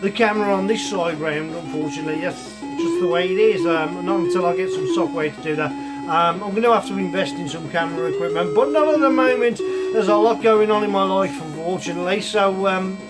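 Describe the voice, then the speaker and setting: In a home hobby room filled with computers and a soldering bench, a man who hosts a retro computer show chats through a loose, rambling review. His voice is high and croaky, and he meanders with plenty of ums and side comments while chiptune plays from a computer behind him.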